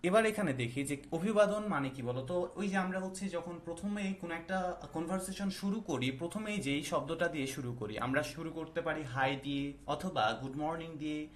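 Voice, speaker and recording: A male English teacher, explaining slowly and asking the class questions. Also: fairly high pitch, slight background noise. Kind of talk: classroom lesson.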